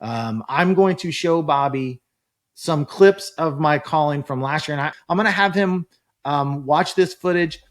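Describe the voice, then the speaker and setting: A man's voice: on the high side, unhurried. A man hosting a casual interview as a learner, talking in an informal, colloquial way. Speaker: host and learner.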